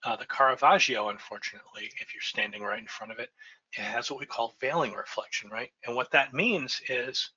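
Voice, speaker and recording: A middle-aged lighting designer gives a slide-lecture webinar from his home office over a video call's webcam and computer mic, checking in conversationally with "right?" as he goes. His medium-pitched voice is fairly quick, pushed, bright and husky, and the audio is dull.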